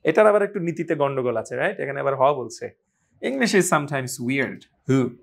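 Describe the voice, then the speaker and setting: A man teaching English pronunciation, repeating each word slowly and asking listeners to say it aloud. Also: mid-range voice, expressive, gravelly. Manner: slow, repeats words for drill, asks viewers to say them aloud. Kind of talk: spoken language lesson.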